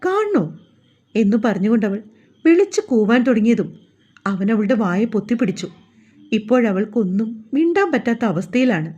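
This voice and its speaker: A woman storyteller reading a family drama as an audiobook, in a calm, steady manner. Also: medium pitch, a little fast, slightly rough, muffled recording. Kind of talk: scripted audiobook narration.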